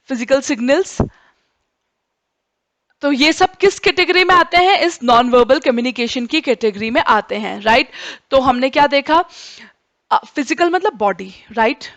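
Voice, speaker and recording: A woman's voice: high voice, animated, measured pace, long pauses, a bit bright. A young woman teacher giving a lecture, explaining with spoken examples and often checking in with "right?". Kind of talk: Hindi-English mixed classroom lecture.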